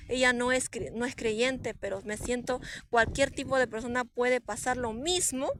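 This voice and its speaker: A woman with a fairly high voice speaks in an earnest personal testimony monologue. She drifts from quiet, hushed stretches to emphatic, repeated phrases. A faint hiss sits under her voice. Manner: earnest and emotional, swinging between soft and emphatic; repetitive, with frequent restarts and fillers. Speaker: prophetess sharing a personal testimony.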